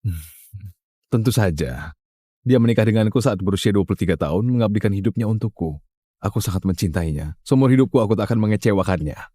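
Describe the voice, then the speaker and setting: A man voicing a wealthy, controlling husband who talks briskly and gives orders in a dubbed drama. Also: fairly low pitch, expressive, mellow, dry recording, clean studio sound. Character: smooth, controlling rich husband, quick to irritation.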